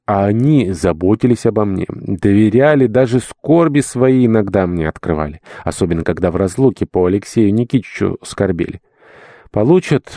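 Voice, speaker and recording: A man's voice: on the low side, warm tone, no echo, clean studio sound. A man reading an audiobook, voicing a humble, sentimental elderly male dwarf servant who talks in a fussy, obsequious, old-fashioned polite way. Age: older. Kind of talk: audiobook character voice.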